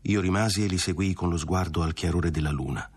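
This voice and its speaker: Deep gravelly male audiobook reader. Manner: measured, dramatic reading. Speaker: audiobook narrator. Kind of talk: literary reading.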